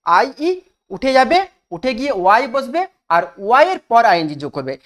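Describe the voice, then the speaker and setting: Lively, high-pitched woman teaching grammar. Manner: asks the class questions and repeats rules slowly for emphasis. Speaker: English teacher. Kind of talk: spoken grammar lesson.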